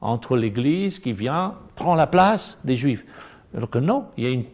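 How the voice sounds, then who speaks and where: During a Bible study discussion, a middle-aged man with a Romanian accent speaks earnestly in a dark, mellow, slightly gravelly mid-range voice. He's animated and a little slow, building to emphatic stress on the points that matter to him.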